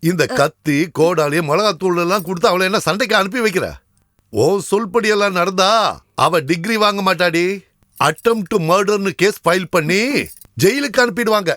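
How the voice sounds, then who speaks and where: A man's voice: high voice, normal speed, a bit bright, no room sound, studio quality. An actor voicing a bossy male lawyer who brushes off his wife. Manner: dismissive, bossy. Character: bossy middle-aged male lawyer husband. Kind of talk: dubbed film acting.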